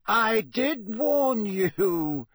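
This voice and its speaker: A very old, wise headmaster speaks slowly in a gently amused, unhurried way, as a man voices him. The voice sits higher than the reader's own and has a husky grain. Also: very animated, no echo, clean studio sound, heavily acted. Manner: slow, measured and amused.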